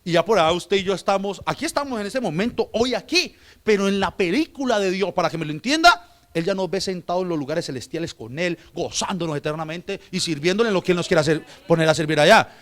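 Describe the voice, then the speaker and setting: A man preaches to his church in a voice high for a man. He drops to soft, hushed asides, then climbs into loud, fervent stretches. He keeps turning to the congregation with direct questions. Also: expressive, quick pace. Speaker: pastor. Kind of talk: sermon.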